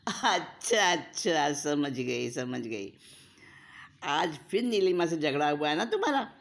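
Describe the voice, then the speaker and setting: A woman's voice: low-pitched, expressive, takes it slowly, full character voice. A woman voicing a caring older sister who speaks in a soothing, coaxing way. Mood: concerned.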